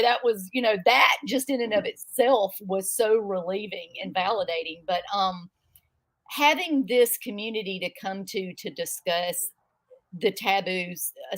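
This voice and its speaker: A woman's voice: medium pitch, moderate pace, a bit bright. A woman in her fifties with a thick American Southern accent, sharing personal experience as an interview guest in an open, rambling way. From southern United States. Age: 50s. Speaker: guest mental health advocate.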